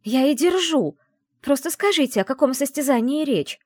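A woman's voice: a little high, very animated, moderate pace, darkish tone, dry recording, studio quality, pitched above the performer's own voice. Woman playing a defiant hot-tempered young witch. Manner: raised, defiant.

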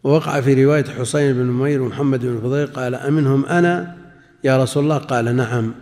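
A man's voice: medium pitch, darkish tone. Man lecturing on hadith in a reverberant hall. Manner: measured, repeats phrases while explaining. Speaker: Islamic scholar. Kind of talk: lecture explaining hadith commentary.

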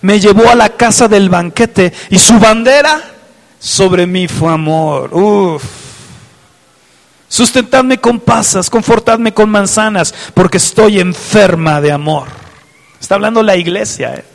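A man's voice: high-pitched, a little slow, vocal fry, long reverb tail. A man preaching a fervent sermon, reading scripture aloud and asking his listeners direct questions. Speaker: pastor.

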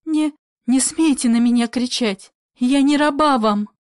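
A woman reading a proud young woman, indignant and defiant, her voice raised and a bit high. It is read slowly and sounds dry. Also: no room sound. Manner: indignant, trembling outbursts. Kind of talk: play reading.

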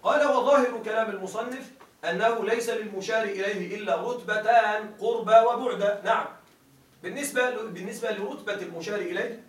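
A man's voice: sits high, fast talker, reverberant, distant mic, low-quality recording. A male teacher gives a grammar lecture. He reads a classical text aloud, explains it, and keeps checking that his listeners follow.

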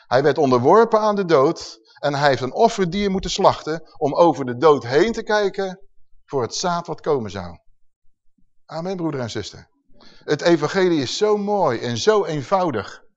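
Animated high-voiced male preacher. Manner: animated, emphatic, asks the congregation questions. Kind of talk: sermon. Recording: dull lo-fi recording.

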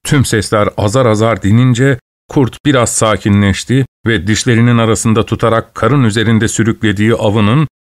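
Low-voiced man reading a story. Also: fairly even intonation, moderate pace, hardly any pauses, no echo, studio quality. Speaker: audiobook narrator. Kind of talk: reading a short story aloud.

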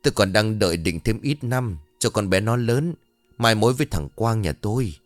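A man's voice: lowish voice, animated, moderate pace, dry recording, soft background music, lightly acted. A man voicing a middle-aged woman who runs a tea stall, sighing and regretful.

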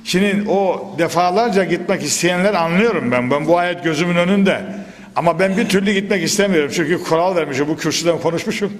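A man preaching a Quran commentary lesson into a pulpit microphone, animated and full of sudden emphatic bursts and questions to his listeners. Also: sits high, fast talker. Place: at a pulpit in a large reverberant hall. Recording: long hall reverb.

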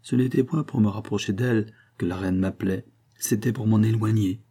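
A man reading an audiobook and voicing a grave, loyal count who speaks in a measured, formal and earnest way. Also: lowish voice, dark tone, husky.

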